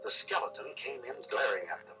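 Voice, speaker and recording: A man with a mid-range voice narrates a children's read-along story a little fast, in a dramatic, theatrical, scripted style. He sounds animated, and music plays behind the read-along recording.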